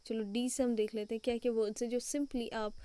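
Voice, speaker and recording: A woman's voice: fairly high pitch, flat delivery, fairly quick, dark tone, smooth. A woman teaching an English lesson, switching between Hindi and English and spelling words out letter by letter.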